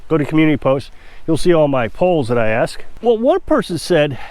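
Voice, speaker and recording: Very animated and a little fast, a Missouri man with a cold-clogged voice vlogs about his off-grid homestead. His pitch is fairly high with a darkish tone on a dry recording, and his casual, opinionated talk rambles with self-assurance.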